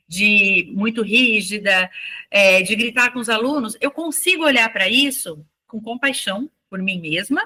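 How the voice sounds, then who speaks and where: Bright-voiced woman telling classroom stories. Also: medium pitch. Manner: reflective, animated storytelling. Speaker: teacher and guest. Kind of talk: casual interview talk.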